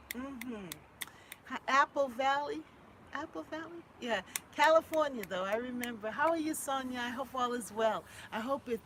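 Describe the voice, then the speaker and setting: A woman's voice: mid-range voice, fairly bright tone, a little hiss or hum, low-quality recording. A middle-aged woman hosting a casual live stream, effusive and repetitive, greeting her chat viewers. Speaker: livestream host.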